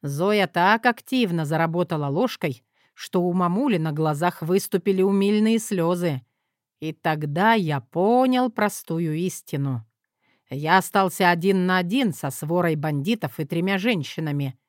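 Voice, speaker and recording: A woman narrating a first-person audiobook in a measured, wry manner. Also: fairly low pitch, lively intonation, no echo, studio quality.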